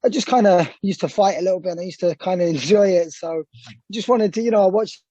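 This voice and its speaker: Young english man, boxer, rambling, fillers, mellow tone, dry muffled sound. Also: high-pitched, quick pace, slightly rough, no room sound. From England. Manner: rambling, hesitant, many fillers and restarts. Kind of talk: casual interview answers.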